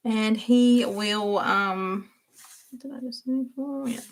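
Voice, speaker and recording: A young woman hosts a relaxed livestream, chatting as she goes and giggling often. Her voice has a touch of gravelly fry, and she answers viewers by name in a friendly, rambling way. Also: fairly high pitch, takes it slowly. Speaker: livestream host. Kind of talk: casual livestream chat while journaling.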